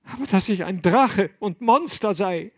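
A man voicing a distraught young man who sobs and reproaches himself in a high, loud lament. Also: animated, unhurried, heavily acted. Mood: anguished. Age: young adult. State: sobbing.

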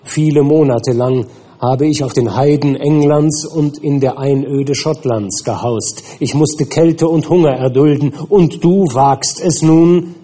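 A man voicing a bitter, menacing male creature in an audiobook reading, with hushed, dragging threats. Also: a little high, a little slow, slightly rough, voice pushed up.

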